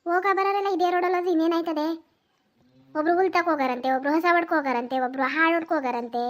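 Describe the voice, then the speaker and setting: A shrill quarrelsome village woman. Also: fairly even intonation, very fast. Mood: grumbling. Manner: grumbling, sharp-tongued bickering. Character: quarrelsome village woman sweeping her doorstep. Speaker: cartoon character. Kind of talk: cartoon voice acting.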